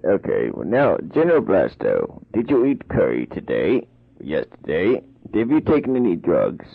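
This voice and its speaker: A mock radio interviewer, played by a man, with a very low, gravelly, husky voice that swings up and down as he runs through his broadcast patter. The sound is tinny and phone-like, with no room around it. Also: huge pitch swings, normal speed, slight background noise, full character voice. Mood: mock-serious. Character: droning male radio interviewer. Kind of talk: 1980s home-made comedy tape.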